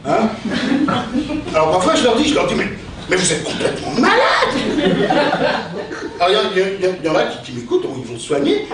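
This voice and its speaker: Male stage comic, hammy and declamatory, very animated intonation; distant, heavily reverberant live recording. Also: high voice, fast talker. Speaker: sketch comedian on stage. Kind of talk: theatrical stand-up monologue with verse tirade. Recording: echoey hall, distant mic, noisy.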